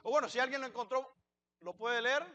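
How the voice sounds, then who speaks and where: High-voiced man preaching a sermon. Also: fairly even intonation, brisk, bright, forceful tone, lo-fi sound. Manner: preaching, asks the congregation questions and answers them. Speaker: pastor. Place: church.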